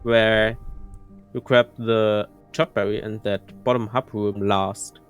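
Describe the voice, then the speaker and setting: A man's voice: on the low side, little pitch movement, smooth, faint music behind. A man giving casual live speedrun commentary, often restarting his sentences. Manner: halting, restarts often, laughs easily.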